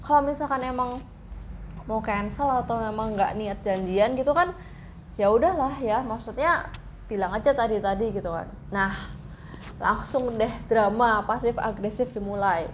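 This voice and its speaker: A woman's voice: fairly high pitch, moderate pace. A woman explaining things in a casual, informal chat, mixing in English phrases. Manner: informal, mixes English phrases into her talk. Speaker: host explaining psychology with personal stories. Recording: clear background noise.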